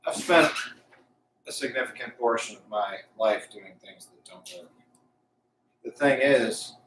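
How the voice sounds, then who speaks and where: Man, lowish voice, halting casual streamer, very slow pace, Bluetooth headset-style mic, roomy echo. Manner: halting, thinking aloud. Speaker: live streamer. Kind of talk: casual unscripted talk while testing stream audio. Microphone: Bluetooth lapel mic. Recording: echoey, distant Bluetooth mic, faint noise.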